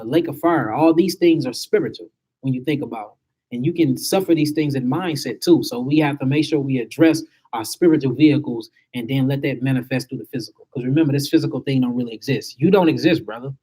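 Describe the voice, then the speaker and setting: Husky, high-voiced male lecturer. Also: mellow. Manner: emphatic, asks the listeners rhetorical questions. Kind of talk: spiritual lecture to a small group.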